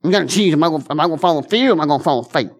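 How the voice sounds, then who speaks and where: Earnest preacher, shifting pace. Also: male voice, fairly high pitch, animated, very fast. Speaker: pastor. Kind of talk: conversational sermon. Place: church.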